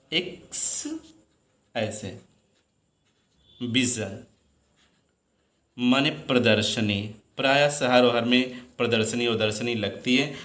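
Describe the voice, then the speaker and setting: A man teaching English pronunciation in Hindi, slowly repeating each word and quizzing his students. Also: medium pitch, a bit bright. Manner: addresses students as "beta", repeats words slowly, asks questions. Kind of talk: pronunciation lesson. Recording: roomy echo.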